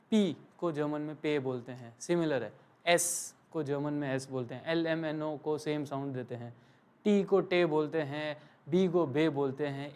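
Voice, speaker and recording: A man's voice: fairly high pitch, darkish tone, clean tone. Patient male teacher drilling letters. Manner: patient, drills letters slowly with pauses for repeating; mixes English phrases into explanations. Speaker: language teacher. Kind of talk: live classroom lesson. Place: classroom with some students present.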